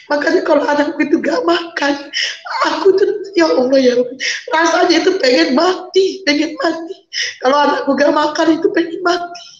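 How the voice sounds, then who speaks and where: Lady telling her story on a video call, emotional, keeps repeating herself, high voice, sounds dull and roomy. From Medan, North Sumatra. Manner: emotional, pleading, repeats phrases. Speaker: guest. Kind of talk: emotional personal testimony.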